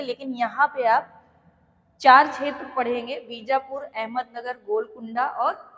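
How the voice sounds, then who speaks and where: A woman teacher giving a slow, repetitive exam-prep lecture, pausing often to check that her students are following. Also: fairly high pitch, long reverb tail, muffled recording.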